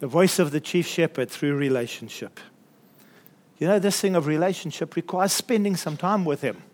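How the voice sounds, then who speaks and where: A man delivers a sermon in a high voice. He preaches earnestly and turns to his congregation with chuckling asides. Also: moderate pace. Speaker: pastor.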